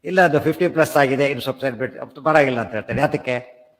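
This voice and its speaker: A man giving a scripture lecture, explaining Sanskrit verses in a conversational way, often checking whether listeners understood. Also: mid-range voice. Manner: chants verses slowly. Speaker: scripture teacher. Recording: long hall reverb.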